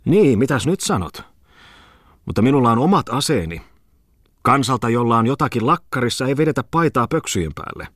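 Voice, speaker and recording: A man voicing a sarcastic, quick-tempered middle-aged judge in an audiobook. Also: medium pitch, lively intonation, fairly bright tone, no echo, clean studio sound, voice pushed up. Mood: mocking. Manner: mocking, indignant.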